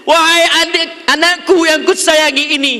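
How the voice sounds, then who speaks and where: A man's voice: very high-pitched, steady tone, normal speed, sharp tone, exaggerated voice. A male preacher voicing a grieving noble father who urges his children with tenderness. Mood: tender. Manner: tender urging. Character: grieving noble father, gentle commanding man. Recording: echoey hall reverb.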